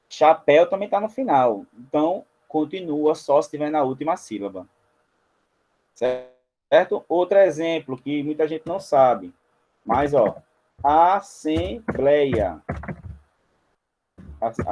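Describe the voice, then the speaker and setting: A man's voice: on the high side, dark tone, rough recording. A man teaching a spelling lesson at a board, walking viewers through each example step by step. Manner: explains step by step, often pointing things out to viewers.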